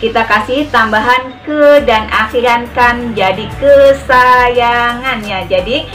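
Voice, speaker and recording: A woman with a high voice leads a casual sign language lesson, repeating each word slowly as she demonstrates it. She sits a little away from the mic. Soft music plays faintly underneath. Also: recorded from a distance. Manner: chatty, repeats words slowly while demonstrating signs. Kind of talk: casual tutorial.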